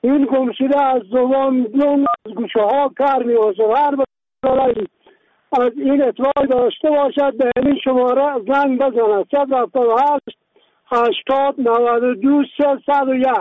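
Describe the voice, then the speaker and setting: Very high-pitched Afghan Dari man on phone. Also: steady tone, slight background noise. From Ghor, Afghanistan. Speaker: caller. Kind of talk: formal spoken announcement. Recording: tinny phone line on radio.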